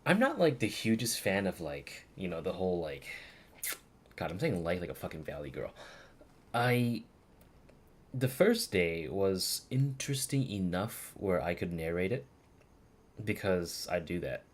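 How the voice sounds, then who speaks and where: Low-voiced rambling game streamer. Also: male voice, very animated, measured pace. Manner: rambling, filler-heavy, swears and laughs. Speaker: streamer playing a video game. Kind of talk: casual live commentary.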